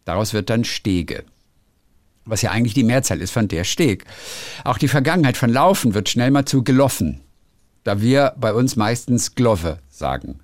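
A man's voice: mid-range voice, normal speed, no echo, studio quality. A German man, a radio host, reading a listener's letter aloud and chatting casually on the phone. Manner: lively, reads aloud with playful emphasis.

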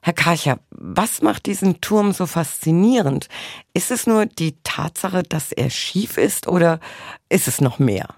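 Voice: medium pitch, lively intonation, measured pace, no echo. A radio presenter reading scripted links and putting questions to a studio guest. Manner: smooth scripted links, then asks questions. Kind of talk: radio magazine presenting and interviewing.

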